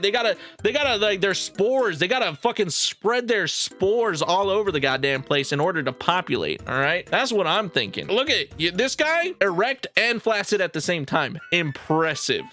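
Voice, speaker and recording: Excitable, animated man with a bright voice. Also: high-pitched. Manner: excitable, profane, repeats phrases for emphasis. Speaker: reaction streamer. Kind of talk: crude comedic reaction commentary over a video.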